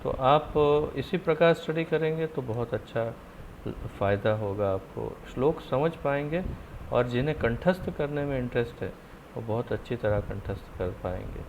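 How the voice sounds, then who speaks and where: A man's voice: medium pitch, lively intonation, normal speed, creaky, darkish tone. A man teaching an online scripture class, firm and encouraging as he corrects and urges his students. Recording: muffled online call audio with faint noise.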